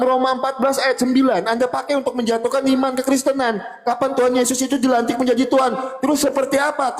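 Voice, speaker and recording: Man, very high voice, fervent loud debater, echoey room, long reverb. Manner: loud and fervent, rapid-fire verse citations. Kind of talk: live debate rebuttal.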